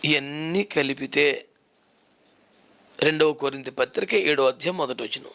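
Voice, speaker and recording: A man's voice: fairly high pitch, a little slow, vocal fry, sharp tone. A male pastor preaching a sermon, driving his points home with repeated rhetorical questions.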